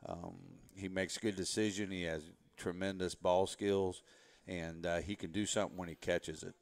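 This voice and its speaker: A man speaking as a head football coach in a relaxed interview, rambling a bit as he explains. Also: low-pitched, normal speed, no echo. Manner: relaxed, rambling, frequent "you know" fillers. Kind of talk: casual interview talk.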